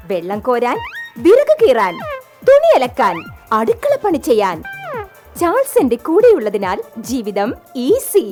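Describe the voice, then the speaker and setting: A woman on stage playing a smug wife pitching her husband like a product in a mock advert. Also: full character voice. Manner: theatrical sales-pitch delivery.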